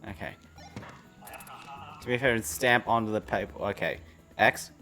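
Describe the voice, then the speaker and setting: A man's voice: lowish voice, unhurried, pushed and bright, soft background music. Upbeat man hosting a gaming livestream. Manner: upbeat, laughs easily, reads quiz questions. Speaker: livestream host and quiz master. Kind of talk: casual livestream gaming chat.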